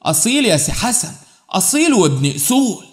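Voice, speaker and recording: A man's voice: high-pitched, big pitch swings, fairly quick. A man with an Egyptian accent voicing a proud older male kiosk owner, speaking in a hearty, boastful way. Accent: Egyptian Arabic.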